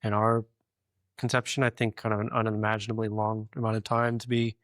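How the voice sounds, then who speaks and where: A man hosting a conversational interview, speaking in a measured way and rephrasing his questions as he goes. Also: on the low side, completely flat delivery, fairly bright tone, no room sound, clean studio sound. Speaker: interviewer, host.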